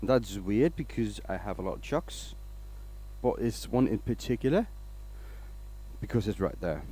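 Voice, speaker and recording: A man chats through a woodturning livestream from his workshop, greeting viewers by name as he goes. His voice sits a little low, and he takes his time, drifting from thought to thought. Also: expressive, measured pace, mellow. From Denmark. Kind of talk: casual livestream chat.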